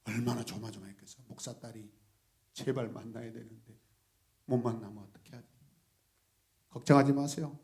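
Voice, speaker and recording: Preaching with energy, this Gwangju-accented pastor alternates quiet remarks, laughter and abrupt shouts to his congregation. His gravelly, mid-range voice keeps a normal speed, broken by frequent pauses.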